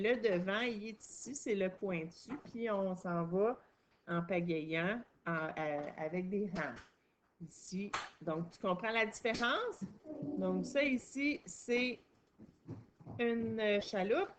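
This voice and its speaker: A woman teacher with a Quebec French accent, patiently explaining a reading and writing lesson step by step to a young child. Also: medium pitch.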